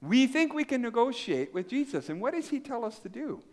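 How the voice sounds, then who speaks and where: A man's voice: very high voice, fairly quick. A man preaching to a congregation of children and adults, telling a story and asking the crowd questions. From Canada. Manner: animated storytelling, acts out voices and asks the crowd questions. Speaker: pastor.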